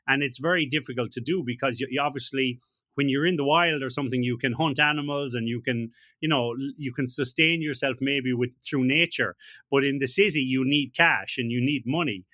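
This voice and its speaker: A man's voice: mid-range voice, fairly quick, bright, forceful tone, no echo, clean studio sound. A man hosting a casual interview, thinking aloud and ending points with tag questions. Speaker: podcast host.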